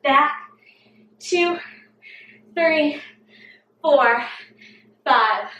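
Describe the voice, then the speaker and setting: A woman's voice: high-pitched, animated, very slow, pushed and bright, highs cut off, slight background noise. Breathless woman coaching a workout. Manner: coaching, encouraging, breathy exclamations between cues. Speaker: fitness instructor. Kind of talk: workout video instruction. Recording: roomy echo, distant mic.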